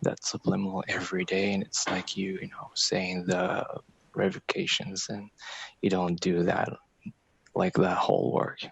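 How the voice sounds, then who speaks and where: A man from Algeria calling in to a show, excited and halting, with many fillers, on dull lo-fi call audio. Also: deep voice, gravelly, husky. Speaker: caller. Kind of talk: call-in conversation.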